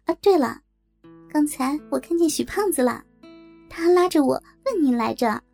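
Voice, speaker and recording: A woman's voice: sits high, lively intonation, moderate pace, vocal fry, a little mellow, faint music behind, pitched above the performer's own voice. Woman voicing a cheeky, teasing nightclub girl.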